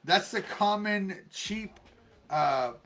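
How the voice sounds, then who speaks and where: A man's voice: high-pitched, expressive, takes it slowly, fairly bright tone. A man co-hosting a casual live stream, rambling in a friendly way with many fillers and restarts. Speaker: co-host and life coach.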